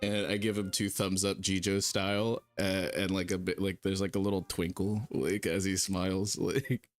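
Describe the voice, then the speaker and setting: A man improvising and narrating casually in a tabletop role-playing game, in a rambling, halting, slangy way. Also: deep voice, level tone, no room sound. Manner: rambling, halting, slangy, calls people brother. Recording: music playing behind the voice. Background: music.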